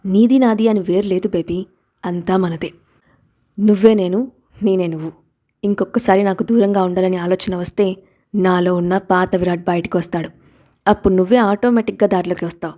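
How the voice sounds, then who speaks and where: Woman reading as a proud, possessive husband in an audio story; intense, domineering delivery in a mellow, darker tone. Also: lowish voice, fairly even intonation, moderate pace, long pauses, natural voice. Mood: smug. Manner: intense, pleading then domineering.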